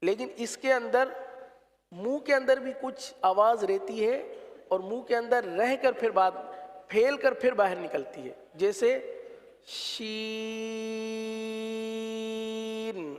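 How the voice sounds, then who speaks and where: A man teaching the pronunciation of letters for Quran recitation, slow and patient, drawing out each sound to demonstrate it. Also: very high voice, in a large hall.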